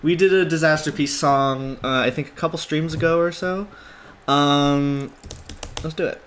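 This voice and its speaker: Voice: mid-range voice, fairly even intonation, moderate pace, a bit bright, a little hiss or hum. A streamer giving a casual live breakdown of a song's melody, humming phrases on nonsense syllables and talking through ideas loosely. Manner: loose, conversational, thinking aloud with fillers; reads and answers viewer requests. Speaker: music analysis streamer.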